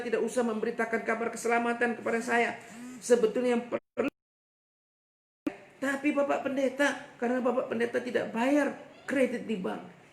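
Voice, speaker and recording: A man's voice: fairly low pitch, a bit bright, a little hiss or hum. A man voicing a male bank director, curt and commanding when throwing someone out, then humble. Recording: echoey room with faint ambience.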